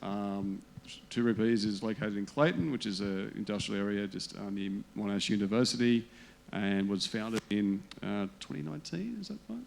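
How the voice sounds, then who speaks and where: A man's voice: on the low side, expressive, normal speed, gravelly, poor audio. A man moderating a panel chat, talking conversationally with many ums and uhs. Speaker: panel host.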